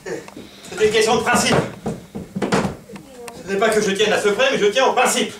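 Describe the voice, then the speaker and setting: A man's voice: high voice, normal speed, lightly acted. A man playing a touchy, self-pitying hypochondriac suitor in a stage farce, complaining in broken phrases. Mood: prim, fussy. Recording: echoey stage, distant mic, faint noise.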